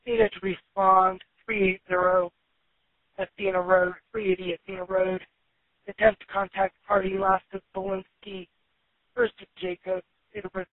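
A woman sheriff's dispatcher talks in a clipped, procedural way over radio and phone. Her mid-range voice holds a steady tone at a moderate pace, with no echo, on a hissy, narrowband dispatch line recording.

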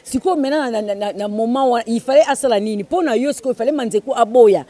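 A woman, an interviewer who asks steady questions and gives frequent murmured agreement. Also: fairly high pitch, quick pace.

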